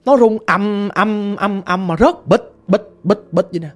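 Lively Southern Vietnamese woman storyteller. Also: mid-range voice, a little slow, soft background music. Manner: lively, vivid, sound-effect words. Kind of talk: ghost story narration.

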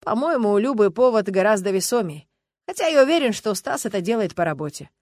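A woman voicing a calm, tall husband who answers evenly and mildly reproaches, in an audiobook reading. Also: mid-range voice, fast talker, no echo, natural voice. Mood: calm, reproachful.

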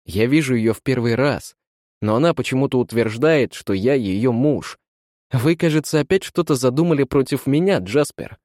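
A man playing a bewildered proud gentleman. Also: mid-range voice, animated, moderate pace, no echo, studio quality, lightly acted. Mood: tense.

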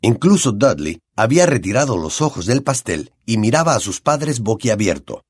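An expressive male audiobook narrator with a Latin American Spanish accent, his pitch moving lively through the story. The recording is close and dry, with no room sound. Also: normal speed, breathy edge, no echo. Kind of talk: scripted narration.

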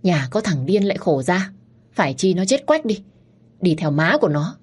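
Woman doing a harsh old mistress, husky. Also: on the low side, big pitch swings, moderate pace, a little mellow. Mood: stern. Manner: curt, scornful, bossy. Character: harsh older mistress of a rich household.

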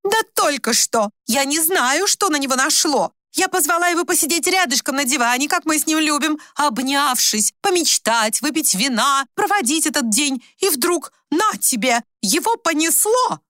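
A woman voicing a manipulative middle-aged wife who talks in a shrill, theatrical way in an audiobook story. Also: lively intonation, bright, forceful tone, no echo, clean studio sound. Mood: shrill outrage. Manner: shrill, theatrical, drawn-out wheedling.

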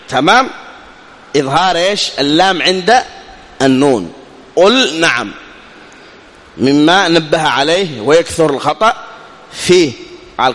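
A man teaching a tajweed lesson, explaining step by step, asking questions and answering them himself, and reciting his examples slowly and drawn out. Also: on the high side, fairly bright tone, in a large hall.

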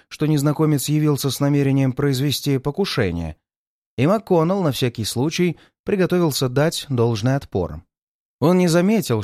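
A man narrating a detective story aloud in an even, storytelling manner. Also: on the high side, no room sound, clean studio sound. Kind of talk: audiobook reading.

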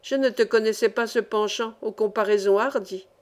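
A woman voicing a learned, genial older engineer who explains science in measured sentences in a read-aloud novel. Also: on the high side, steady tone, lightly acted. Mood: instructive. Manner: instructive, measured.

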